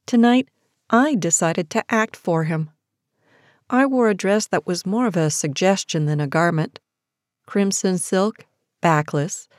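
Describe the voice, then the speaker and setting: A woman's voice: medium pitch, darkish tone, dry recording, studio quality. Sultry woman narrating a romance story.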